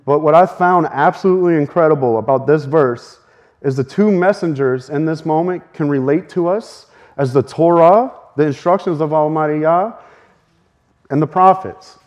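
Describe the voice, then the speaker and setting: The highs are cut off in this recording of a man with a fairly high voice preaching earnestly. His sermon teaches, his voice is a bit strained, and he speeds up in bursts with soft laughs between.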